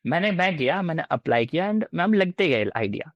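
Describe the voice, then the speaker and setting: Here the same kind of speaker, a defence exam candidate in his twenties with an Indian accent, recounts his experience in a relaxed interview, mixing Hindi and English and performing the officers' lines. His slightly high voice has lively intonation and a somewhat fast pace, in a dry recording with the highs cut off.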